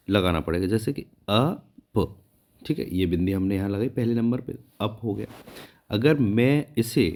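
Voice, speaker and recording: Male shorthand tutor, low unhurried delivery, patient, explains every stroke. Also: darkish tone. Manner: patient, repeats "ठीक है" to check understanding; counts and names the strokes as he draws them. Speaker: Hindi shorthand teacher.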